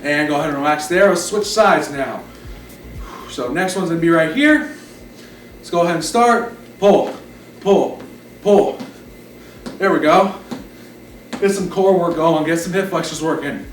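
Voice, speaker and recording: With long pauses between his short encouraging cues and counts, a fitness instructor runs an exercise class at a moderate pace. His voice is a little high and fairly bright, recorded from a distant mic in a roomy, echoing space with background music.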